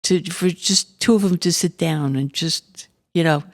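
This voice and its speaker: A woman's voice: lowish voice, a little slow. Woman artist on a panel, encouraging, easygoing. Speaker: artist guest. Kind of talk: conversational panel talk.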